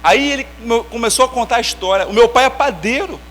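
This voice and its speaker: A young man from Brazil, a lay preacher giving a church sermon testimony, telling his story with emotion and moving between hushed prayer and raised exclamation. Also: extremely high pitch, a little fast. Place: church sanctuary.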